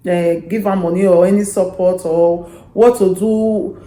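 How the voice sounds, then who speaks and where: A woman with a Nigerian accent speaking Pidgin as a host, giving casual, animated advice to her audience. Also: lowish voice, unhurried. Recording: echoey, roomy sound.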